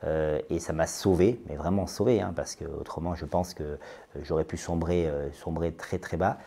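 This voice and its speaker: A man's voice: very deep voice, steady tone, moderate pace, vocal fry, mellow, breathy edge. A man in his late thirties speaking as a guest in a podcast interview, hesitant, with many fillers and repeated words. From France. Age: 30s. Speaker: interview guest, business owner.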